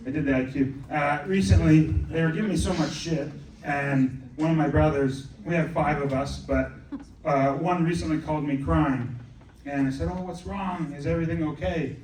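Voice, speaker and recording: A man's voice: a little high, steady tone, moderate pace, a little mellow, a little hiss or hum. A young man doing a stand-up comedy set in a club, rambling and self-deprecating, breaking off into asides. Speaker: stand-up comic. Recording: echoey club from a distance. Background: audience laughter.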